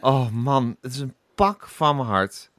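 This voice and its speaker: A man's voice: medium pitch, a little slow, a bit bright, dry recording, studio quality. Agreeable man co-hosting a podcast. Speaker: podcast co-host. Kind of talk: casual chat.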